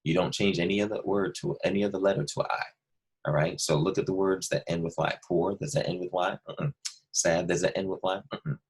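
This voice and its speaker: A deep, husky male voice with fairly even intonation and a brisk pace. He's a second grade teacher in a remote lesson, patiently taking young students through a worksheet step by step and repeating the key points.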